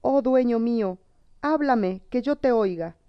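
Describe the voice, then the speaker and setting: A woman's voice: on the high side, unhurried. A cruel sorceress queen from an old storybook, her voice theatrical and imploring, read by a woman. The sound is dull and lo-fi, with no room echo.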